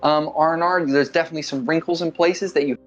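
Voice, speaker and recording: A man's voice: fairly high pitch, steady tone, fast, dull audio, faint music behind. A man narrating a tabletop game as game master, describing scenes casually with fillers.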